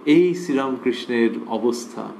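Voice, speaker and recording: A man lecturing on scripture in a measured, reflective devotional talk, repeating key phrases and pausing with drawn-out fillers. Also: medium pitch, creaky, a little mellow, a little hiss or hum.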